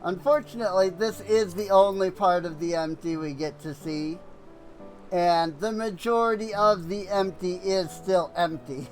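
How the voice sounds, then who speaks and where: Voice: mid-range voice, unhurried, faint music behind. A gamer giving casual commentary while playing through a game.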